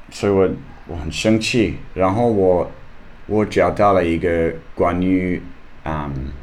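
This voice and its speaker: This Australian podcast host has a deep voice and speaks Mandarin slowly with a foreign, non-native accent. His casual personal monologue is halting, as he hunts for words and sticks to simple learner phrasing.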